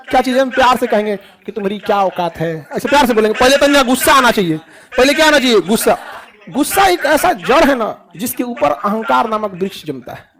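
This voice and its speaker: High-voiced, gravelly Bihari male teacher. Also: fairly bright tone. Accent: Bihari Hindi. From Bihar, India. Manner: asks the class questions and answers them himself; folksy, joking, colloquial. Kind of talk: classroom lecture giving advice.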